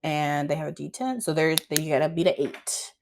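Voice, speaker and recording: A woman's voice: low voice, moderate pace, vocal fry, noisy background. A woman narrating a tabletop role-playing game as game master in an informal, improvised way.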